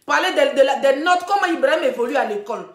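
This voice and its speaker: A woman hosting a ranting gossip live stream, animated, laughing often and addressing her viewers directly. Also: sits high, fast. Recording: roomy echoey room.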